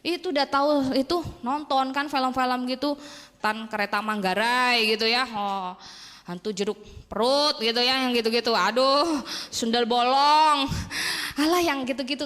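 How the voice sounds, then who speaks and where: A woman giving a motivational talk, telling animated stories and acting out the voices of the people in them. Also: high-pitched. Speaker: motivational speaker. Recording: long hall reverb.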